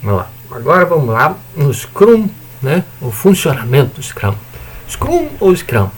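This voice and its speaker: This Brazilian university lecturer talks at a moderate pace in a slightly rough, medium-pitched voice with big swings in pitch. His recorded lecture is informal and chatty, sprinkled with tag questions, jokes, and now and then a mild curse.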